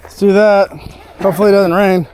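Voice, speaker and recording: Male visitor, high-pitched, informal talk among companions. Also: flat delivery, a little fast, a little mellow, smooth. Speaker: tour visitor. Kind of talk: casual chat.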